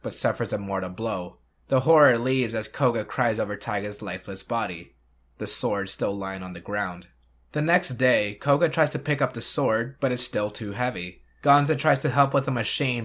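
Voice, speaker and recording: A man hosts a retrospective video, narrating from a script that shifts between recapping and reviewing. His pitch is average for a male, his speed normal, and his tone a bit bright.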